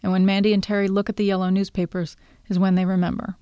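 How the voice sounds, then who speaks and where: A woman author reading her own short story aloud in a brisk, wry storytelling manner. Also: mid-range voice, level tone, warm tone.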